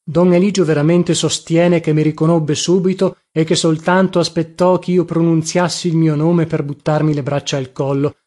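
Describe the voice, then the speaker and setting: A man narrating a novel in the first person, reading in a measured, reflective way. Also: fairly high pitch, flat delivery, darkish tone. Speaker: audiobook narrator. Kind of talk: scripted literary narration.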